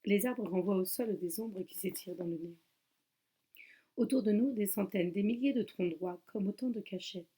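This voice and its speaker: A woman giving a dramatic first-person thriller reading in a tense, hushed delivery. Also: medium pitch, normal speed, slightly rough. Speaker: reader.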